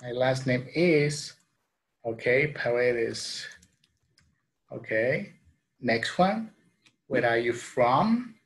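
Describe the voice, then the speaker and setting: A man from El Salvador, in his thirties, teaches English from a small home room, saying each phrase slowly, then giving the Spanish translation. He has a Salvadoran Spanish accent, a mid-range voice and lively intonation.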